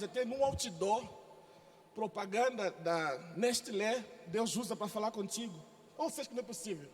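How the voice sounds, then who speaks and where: A man pastor from Africa preaching a sermon in a lively, exclamatory, joking way. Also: high voice, long reverb tail. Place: church.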